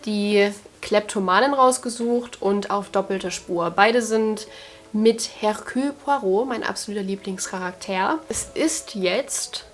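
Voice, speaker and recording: A German-speaking woman in her twenties, a vlogger, talks at home indoors in a medium-pitched, unhurried voice over soft background music. Casual and direct to camera, she chats with her viewers in an upbeat way.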